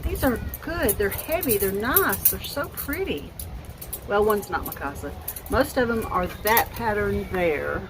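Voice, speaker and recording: An American woman in her fifties, a thrift haul vlogger, chats casually at home about her thrift finds, rambling and often restarting. Her medium-pitched voice is expressive and unhurried, with a noisy background.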